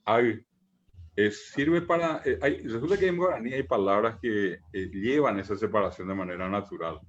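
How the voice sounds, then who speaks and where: A man teaching a language class online, patiently repeating examples, pausing on fillers and checking in with his students. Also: lowish voice. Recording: muffled online call audio.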